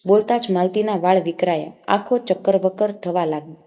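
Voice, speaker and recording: A woman narrating a ghost story from a storybook, reading every part in one steady voice. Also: lowish voice, brisk.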